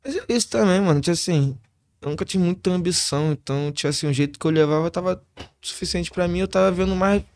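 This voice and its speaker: Male interview guest, Rio accent, slangy street talk, rapid delivery. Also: high-pitched, a little mellow. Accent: Rio de Janeiro. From Rio de Janeiro, Brazil. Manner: slangy, constant tag phrases. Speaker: interview guest, hip hop musician.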